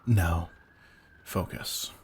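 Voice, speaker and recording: With a very low, gravelly, slightly mellow and exaggerated voice, a man plays a seasoned vampire hunter, intense, commanding and secretly predatory, in a slow-burn roleplay audio drama addressed to the listener. He speaks slowly and deliberately, often sinking into breathy murmurs, hushed and intimate, with ambient noise behind him.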